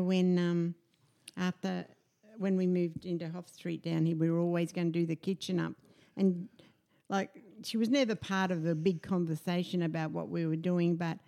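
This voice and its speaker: A woman's voice: on the low side, creaky, dark tone. An older Australian woman reminiscing in casual, rambling chat with lots of fillers. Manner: rambling, fond recollection with many fillers. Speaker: podcast guest.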